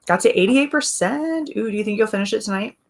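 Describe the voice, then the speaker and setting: A woman with a raspy voice hosting a casual livestream, reading viewers' comments aloud and chatting about them. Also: mid-range voice, lively intonation, quick pace. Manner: chatty, reads comments aloud, laughs often. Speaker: livestream host.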